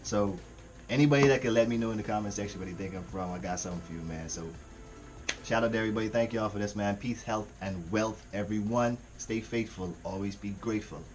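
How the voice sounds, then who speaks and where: A fast-talking Caribbean man with a fairly low voice and a Caribbean English accent hosts a casual music reaction, rambling in a slangy, easygoing style. The recording sounds rough.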